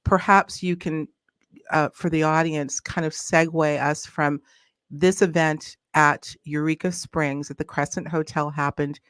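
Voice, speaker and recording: A woman hosting a conversational interview, asking questions in a probing, deliberate, encouraging manner. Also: sits low, fairly even intonation, clean tone, no echo. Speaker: interviewer, host.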